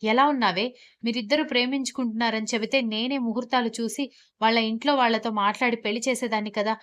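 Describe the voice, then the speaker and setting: A woman voicing a gentle, affectionate older mother chatting with her daughter in a storybook reading. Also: on the high side, steady tone, quick pace, lightly acted.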